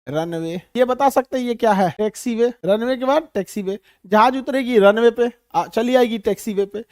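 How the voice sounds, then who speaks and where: Bihari guy teaching a class, jokey and animated, keeps calling students babu, dry close mic. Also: extremely high pitch, dry recording. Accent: Bihari Hindi. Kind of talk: classroom lecture.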